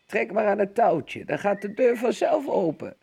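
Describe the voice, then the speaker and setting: A man voicing a sick, frail old grandmother in a storybook, with a hoarse voice. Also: high voice, very animated, moderate pace, mellow, voice pushed up, heavily acted.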